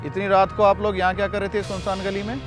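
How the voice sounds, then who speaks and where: A man's voice: sits high, completely flat delivery, fast talker, music in the background, lightly acted. A man playing an easygoing police officer. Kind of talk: comic web-series acting.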